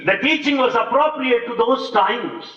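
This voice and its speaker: Slow, bright-voiced male interpreter. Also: very high voice, lively intonation, distant mic. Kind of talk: live consecutive translation. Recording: dull, echoey archival recording from afar.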